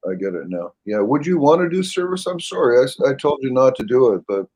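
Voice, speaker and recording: A man's voice: medium pitch, big pitch swings, quick pace, dark tone, breathy edge, rough recording. A middle-aged man, chatting casually and apologetically on a webcam call. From Canada. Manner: rambling, apologetic. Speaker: livestream host. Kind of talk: casual chat.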